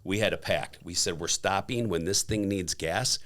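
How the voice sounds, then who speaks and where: A man in his fifties, a podcast guest, telling a story in a casual, animated way and acting out the quotes. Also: low voice, moderate pace. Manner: animated, acts out quotes with laughs.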